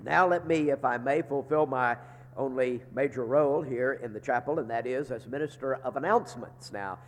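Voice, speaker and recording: Here a seminary leader, a middle-aged man, jokes his way through chapel announcements in a folksy style, saying "uh" often. His mid-range voice keeps a moderate pace but sounds barrel-muffled from sinus congestion. Long reverb from the large chapel hall colors the recording.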